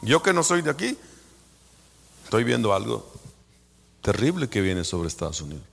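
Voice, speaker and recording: A man from Guatemala with a Guatemalan Spanish accent, preaching a sermon. He drops to hushed whispers, then rises to fervent shouts. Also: fairly low pitch, very animated, normal speed, gravelly, big-room sound.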